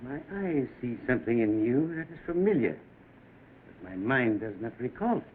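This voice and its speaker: An actor playing a mysterious, courteous Chinese gentleman, formal and guarded, in 1930s film style. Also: mid-range voice, sing-song, lightly acted. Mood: cryptic, formal. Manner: formal, measured, cryptic. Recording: tinny, noisy old film soundtrack.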